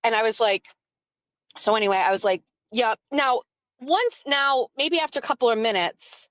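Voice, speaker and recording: A woman's voice: fairly high pitch, moderate pace, fairly bright tone, dry recording. Rambling woman streamer, dry close voice. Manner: rambling with frequent "like" fillers and laughs; reads and answers chat comments. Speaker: live streamer. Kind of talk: casual storytelling on a live stream.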